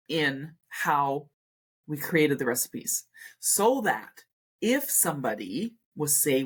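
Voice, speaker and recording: A woman's voice: low voice, breathy edge. A woman hosting a cooking channel, ranting to camera in a chatty, emphatic way with rambling asides. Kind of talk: casual rant to camera.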